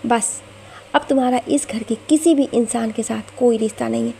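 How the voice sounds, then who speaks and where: Strict older mom-in-law, woman narrator voicing her, gravelly warm tone. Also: a little high, normal speed, slight background noise. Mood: stern. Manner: stern, commanding. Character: stern older mother-in-law of the house.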